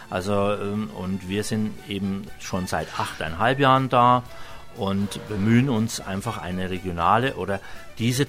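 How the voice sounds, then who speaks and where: A restaurant chef with a lowish, slightly bright voice chats through a cooking demonstration. He comes from Franconia, Germany, speaks with a Franconian German accent, and his explanation is homely and rambling with lots of hesitations.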